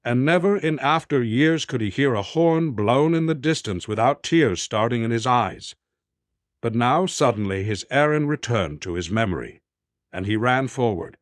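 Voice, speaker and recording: A man narrating an audiobook in a steady, even storytelling manner. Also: medium pitch, no room sound. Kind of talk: scripted narration.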